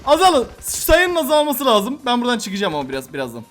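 A man giving gameplay commentary on a mobile shooter, excitable and prone to frustrated yelling. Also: extremely high pitch, fast talker, faint music behind. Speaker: gaming YouTuber.

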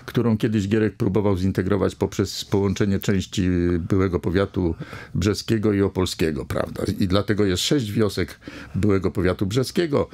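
The speaker is an older Polish man, a village mayor, who is guesting on a radio interview in the studio. Low and darkish with gravelly fry, his voice is captured close by a desk microphone as he rambles with frequent hesitations and fillers.

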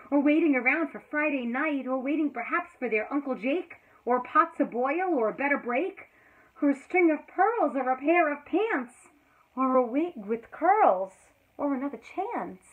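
With a voice that sits high, a woman in her thirties who teaches performs a picture book for children, shifting from hushed lines to loud exclamations. The built-in camera mic, at close range in a small indoor room with a green backdrop, makes the sound tinny, almost like a phone.

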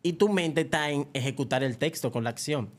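A young adult comedian from the Dominican Republic chats casually as a podcast guest, his voice on the high side and brisk. He tells animated stories, acting out quoted voices, with a Dominican Spanish accent that drops the R.

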